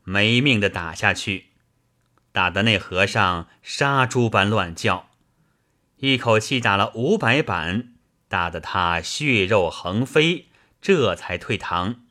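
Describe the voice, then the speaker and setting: A man reading a classic novel aloud in a slow, expressive storytelling style. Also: fairly low pitch.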